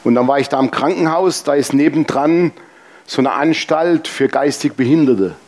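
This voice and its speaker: A man's voice: on the high side, moderate pace. A man preaching a sermon, telling personal stories with humor and speaking straight to the congregation. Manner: lively, humorous storytelling, addressing the congregation directly.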